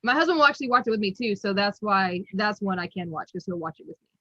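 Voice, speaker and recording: A woman's voice: medium pitch, lively intonation, quick pace, a bit bright, dry recording. A woman in her thirties chatting casually as an interview guest, laughing often between her thoughts, heard over a video call. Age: 30s. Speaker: guest collector. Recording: muffled, dry.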